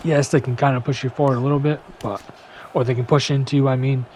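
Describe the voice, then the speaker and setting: A young man giving a casual gameplay breakdown, full of "you know" fillers and sometimes rushing to keep up with the action. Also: medium pitch, flat delivery, a little mellow, a little hiss or hum. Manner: casual, filler-heavy, talks fast to keep up. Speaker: gaming YouTuber.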